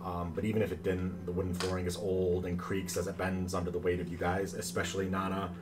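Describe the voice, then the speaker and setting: Male game master, fairly low pitch, improvised tabletop narration, clear background noise. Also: little pitch movement, fast talker. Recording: noisy room recording.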